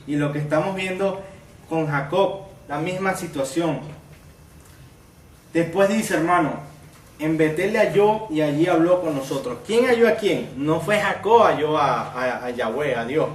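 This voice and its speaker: A man's voice: fairly high pitch, animated, measured pace, echoey room, far from the mic. A man preaching a sermon as pastor, reading scripture aloud with rising emphasis and asking the congregation rhetorical questions. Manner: asks the congregation rhetorical questions and calls them brother.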